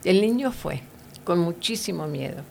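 Woman, Bible teacher, gravelly voice, lowish pitch, earnest, conversational, faint background noise. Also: animated, a little mellow. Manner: measured, earnest, with many fillers and tag questions.

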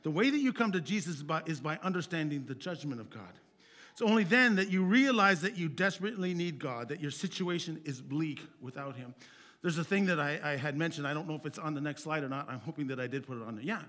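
Preaching in an expressive, fast manner, this pastor keeps his sermon earnest and conversational. His voice climbs to loud, emphatic highs, then drops to soft, low phrase endings.

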